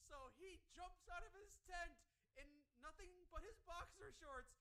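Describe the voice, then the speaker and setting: A man's voice: extremely high pitch, a little slow. A man, an army veteran, telling stories in a casual stream chat and laughing as he goes. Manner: animated storyteller who laughs while telling.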